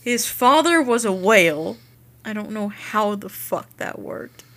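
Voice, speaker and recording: A young woman co-hosting a casual podcast, blunt and sweary, with quick wisecracks as she reads descriptions aloud. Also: mid-range voice, lively intonation, fairly bright tone. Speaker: podcast co-host. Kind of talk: casual chat.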